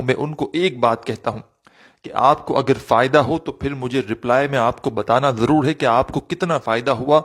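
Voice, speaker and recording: A man hosting a devotional video, speaking earnestly and repetitively to viewers and leading a pleading prayer. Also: medium pitch. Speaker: religious video host.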